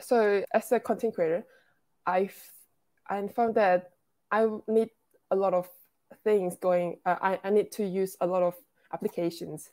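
A woman's voice: medium pitch, dark tone. A woman, a programmer and founder, talking casually as an interview guest, with lots of restarts and "like". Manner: chatty, frequent "like" and restarts.

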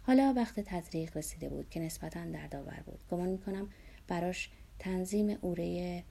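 A woman reading a memoir aloud in a measured, somber way, dropping to a hush at times. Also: on the low side, creaky, breathy edge. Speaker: narrator. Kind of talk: scripted narration of a memoir.

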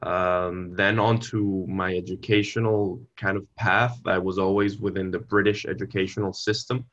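A young adult man from Venezuela, a university student, answers questions in a conversational interview. His voice is low and level, with a moderate pace and a fairly bright tone, though the highs are cut off. He is earnest and polite, speaking in long, careful sentences with small restarts.

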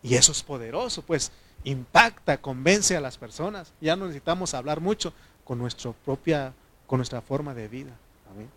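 A man preaching a conversational sermon, speaking informally with filler pauses and frequent amens to his congregation. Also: medium pitch, lively intonation, a bit bright.

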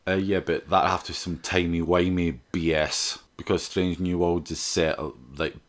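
A man's voice: low-pitched, flat delivery, moderate pace. A man co-hosting a podcast, dry and opinionated, with mock exasperation in casual chat. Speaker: podcast co-host.

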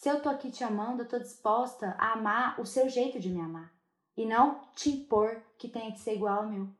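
A woman co-hosting a podcast, responding in a warm, affirming way. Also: fairly high pitch, fairly quick. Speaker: podcast co-host. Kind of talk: conversational podcast talk. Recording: echoey room.

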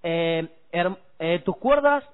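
Guy preaching on the radio, high and insistent, sounds like a phone line. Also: lively intonation, slow, clear, resonant tone. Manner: emphatic, preachy, explains with homely examples. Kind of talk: casual devotional radio chat. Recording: tinny phone-like radio audio.

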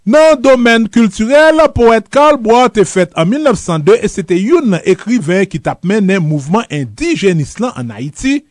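A man's voice: high voice, no echo, studio quality. A man with a Haitian accent narrating a scripted history programme as its host.

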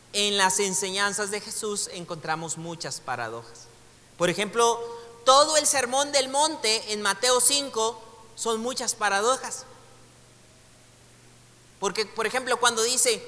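Leading a relaxed Bible lesson for a class, a Bible teacher with a Mexican Spanish accent talks conversationally, tosses in joking asides, and reads passages out loud. His voice is very high-pitched, pushed, and bright, echoing with long hall reverb.

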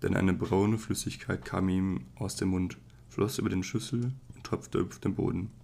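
A man narrating a literary audiobook in a measured, even way, with occasional slips. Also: deep voice, vocal fry.

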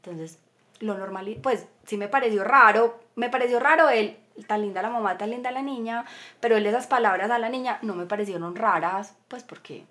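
A young woman telling a personal story as a podcast guest, earnest, moving between animated and hushed. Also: a little high, a little fast.

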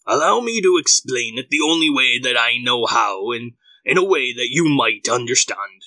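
A patient dwarf smith explains things slowly and firmly to his pupil, read by a man telling the story. His tone is bright and forceful, and the recording is close and dry. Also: mid-range voice, expressive, no room sound, low-quality recording. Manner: patient, teaching.

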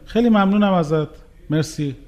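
A man's voice: high voice, darkish tone. A man conducting an interview, asking persistent, searching questions and often repeating the answers back. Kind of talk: probing interview.

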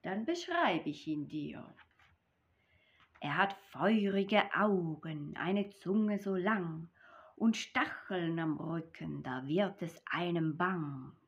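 Woman doing a cocky little mouse, storybook read-aloud, slow and lively. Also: lowish voice. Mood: bold. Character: small clever mouse. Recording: dull lo-fi recording.

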